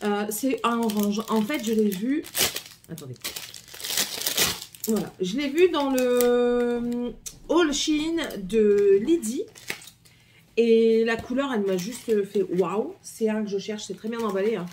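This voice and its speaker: A woman's voice: on the high side, slow, background noise. Chatty French woman doing a haul. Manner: chatty, lots of hesitations and repeats. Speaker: vlogger. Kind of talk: casual haul video chat.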